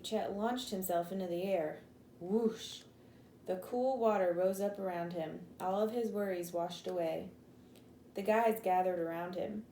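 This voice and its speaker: A woman teacher reads a children's novel aloud with a mellow, relaxed tone. She lifts her voice for the characters' lines and stops to explain words. The room sounds echoey, with a faint hiss behind her. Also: medium pitch. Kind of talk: reading a chapter book aloud to a class.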